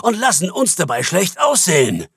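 A man voicing a harsh, irritable bank CEO who speaks in a curt, scornful way, with a husky voice. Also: sits high, huge pitch swings, moderate pace, a bit bright, no room sound, clean studio sound, pitched above the performer's own voice, heavily acted.

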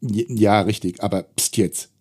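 With a warm, fairly low voice and fairly even intonation, a middle-aged man talks at a normal speed about the setbacks he has faced as a self-employed trainer. The personal storytelling is candid, reflective, and wry.

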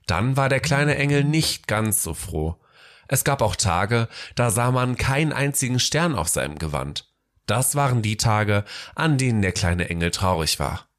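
A man narrating a Christmas storybook tale in a gentle, measured way. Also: medium pitch, animated.

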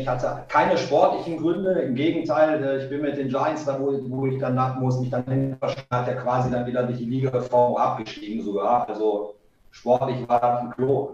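An older man from Siegerland, a former football player joining as a guest over a laggy low-bandwidth call, talking in a halting way with many fillers. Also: a little mellow. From Siegerland, Germany. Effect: laggy low-bandwidth remote call line. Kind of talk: casual chat. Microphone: remote video call. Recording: echoey, distant, dull call audio.

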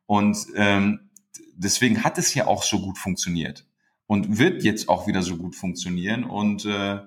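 Low-voiced man chatting on a podcast. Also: moderate pace. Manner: animated, storytelling with acted-out dialogue. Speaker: podcast co-host. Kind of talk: casual podcast chat.

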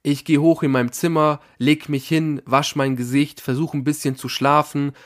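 A man's voice: on the high side, normal speed. Young man telling a story. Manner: lively, animated storytelling, often breaking off to restart. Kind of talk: casual storytelling to camera.

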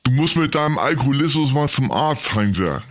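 A man's voice: mid-range voice, lively intonation, a little fast, a little hiss or hum. A man hosting a scripted comedy sketch, playing a teasing, exasperated straight man.

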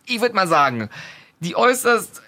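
A woman with a soft, breathy voice talks casually as a co-host. She retells scenes with quick quoted asides and plenty of fillers, at a middle pitch. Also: sing-song. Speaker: podcast co-host recommending a series. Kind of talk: casual chat.

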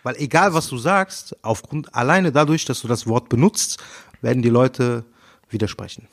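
Calm, reasoning podcast man. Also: mid-range voice, normal speed. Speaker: podcast co-host. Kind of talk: casual podcast chat.

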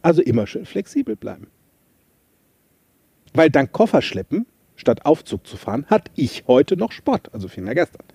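A podcast host and coach talks at a normal pace in a slightly high voice that swings widely in pitch, with vocal fry, a dark tone and some breathiness. The recording has no room sound. His casual motivational monologue is chatty and self-mocking, mixing a story with tips for motivation.

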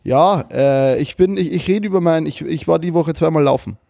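Young podcast guy, relaxed mellow voice, slang n english words thrown in, swears a bit. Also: a little high, brisk, vocal fry, no room sound, clean studio sound. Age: young adult. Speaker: podcast co-host. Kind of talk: casual podcast chat. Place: remote call at a computer with webcam.

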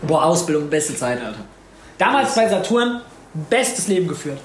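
A man's voice: fairly high pitch, very animated, moderate pace, crowd noise. A man in casual chat, telling rambling, slangy anecdotes and acting out the dialogue. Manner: slangy, rambling storyteller who acts out dialogue. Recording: roomy echo.

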